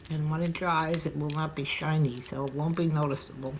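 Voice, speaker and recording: Speaking briskly with fairly even intonation, a low-voiced, slightly stuffy older woman demonstrates a craft in a relaxed way at her home craft table indoors. She chats and thinks aloud while working. The recording is rough, with audible crinkling from the materials.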